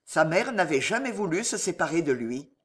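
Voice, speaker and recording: An expressive audiobook narrator with a mid-pitched voice that rises and falls a great deal. The reading is dramatic and slows down at tense moments, giving weight to each line. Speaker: audiobook reader.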